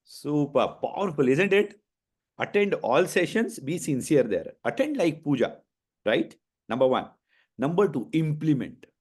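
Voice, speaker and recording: A man's voice: on the high side, big pitch swings, a little slow, a little mellow. A male coach with an Indian accent leads a motivational interview. He drives each point home with emphasis and repetition, often turning to his listeners to check they are following. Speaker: coach hosting a session.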